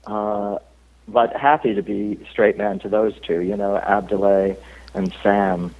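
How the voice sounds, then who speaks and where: A male actor, a guest on an interview show, telling stories in relaxed chat, laughing often and stopping on many fillers. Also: lowish voice, measured pace. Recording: tinny phone line.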